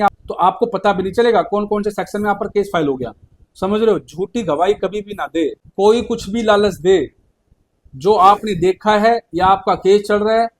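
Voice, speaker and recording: A man hosting a legal advice video, speaking directly to viewers in a blunt, informal way and often checking that they understand. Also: high-pitched. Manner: addresses viewers as brother, blunt colloquial phrasing. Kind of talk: direct-to-camera advice talk.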